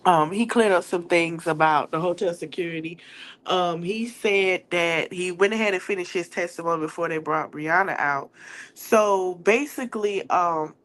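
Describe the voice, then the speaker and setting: This podcast host is a woman whose voice sits on the low side with a slightly bright quality. Congested, she chats her way through a trial recap in a drawn-out, easygoing manner. She addresses her audience as "y'all."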